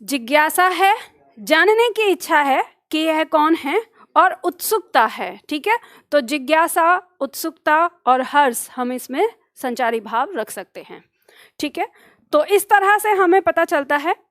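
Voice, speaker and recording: A woman's voice: high voice, expressive, unhurried, a bit bright, no room sound, studio quality. A woman teacher explaining poetry verses line by line, asking questions and answering them herself. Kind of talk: Hindi literature lesson.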